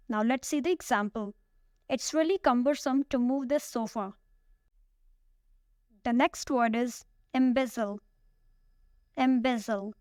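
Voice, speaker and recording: Woman with a smooth, crisp teaching voice. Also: a little high, dry recording, studio quality. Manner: slow, careful word-by-word pronunciation drills. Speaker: vocabulary teacher. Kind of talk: scripted vocabulary lesson.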